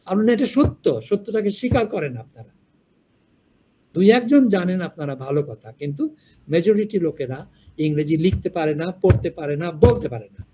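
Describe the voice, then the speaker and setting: A man's voice: a little high, expressive, moderate pace, mellow, a little hiss or hum. An older man lecturing a university class, frank and digressive, drifting into stories.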